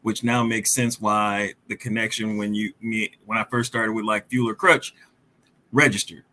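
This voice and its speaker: Chatty male podcast host, bright voice. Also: on the low side, steady tone, moderate pace. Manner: friendly, rambling, hesitant with uhs. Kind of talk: casual interview.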